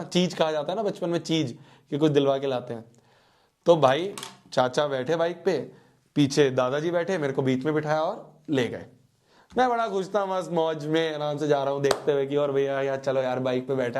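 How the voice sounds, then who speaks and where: A young man, a teacher telling a childhood story to his students in a playful, animated way. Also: a little high.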